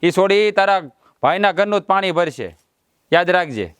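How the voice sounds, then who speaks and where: A man's voice: high-pitched, animated, normal speed, a bit bright, clear, resonant tone, no echo. A man playing a boastful village husband who swears to fix things in a family drama. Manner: boastful, swaggering, blustering. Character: proud blustering village husband, middle-aged.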